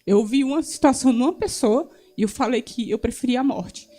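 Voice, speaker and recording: Brazilian woman testifying, serious, high mellow voice, soft music. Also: a little fast. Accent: Brazilian Portuguese. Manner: earnest, serious. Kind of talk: testimony in a sermon.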